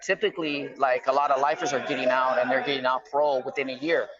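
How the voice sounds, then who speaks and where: Over a dull, lo-fi phone line with crowd noise, a middle-aged guest calling from prison talks fast in a casual, explanatory way, often saying "right?" and "you know." His voice is mid-range with fairly even intonation.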